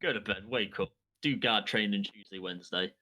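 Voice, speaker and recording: A man's voice: on the low side, fairly quick, bright, forceful tone. A young man on a podcast, telling a long anecdote in casual chat, swearing often and acting out what people said. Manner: sweary, rambling anecdotes with acted-out quotes. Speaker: podcast co-host.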